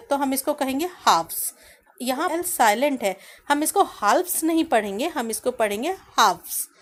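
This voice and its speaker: A woman with a fairly high voice teaches a children's maths lesson. She asks the class questions and then answers them herself. She slows down to read lines from the book. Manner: reads English lines from the book slowly. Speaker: primary school teacher.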